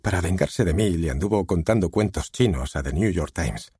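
Steven is a defensive, evasive husband who brushes questions off curtly, heard in an audiobook. A man reads him in a deep, dark, husky voice. The recording is dry. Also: animated, moderate pace, no echo, heavily acted.

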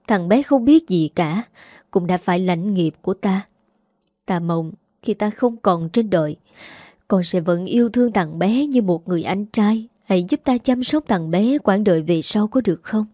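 Stern older matriarch, voiced by a woman, commanding; low warm tone, audiobook drama. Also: normal speed, no echo, studio quality, lightly acted. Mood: weak, remorseful. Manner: severe, commanding.

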